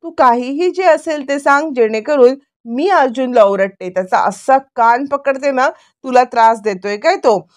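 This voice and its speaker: A woman doing a protective older lady of a TV-serial household, high-pitched and insistent. She coaxes and presses with one question after another, ready to scold on someone's behalf. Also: normal speed, darkish tone, lightly acted. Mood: coaxing.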